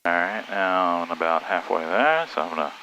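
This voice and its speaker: A man's voice: deep voice, expressive, moderate pace, muffled recording, crowd noise. A man learning to fly, giving short, tentative casual replies to his instructor. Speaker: student pilot. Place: small aircraft cockpit. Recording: cockpit audio with engine hum.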